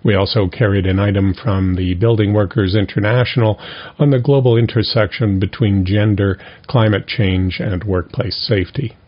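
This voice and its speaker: A man reporting labor news for a radio program in a steady, scripted read. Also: on the low side, moderate pace. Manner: steady read-aloud delivery. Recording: dull lo-fi radio recording.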